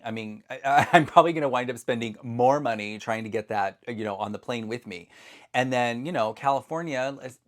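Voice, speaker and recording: A man chatting casually to his viewers in a vlog, excitable and full of asides, recorded on a phone at home. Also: medium pitch. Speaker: doll collector vlogger. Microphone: phone camera.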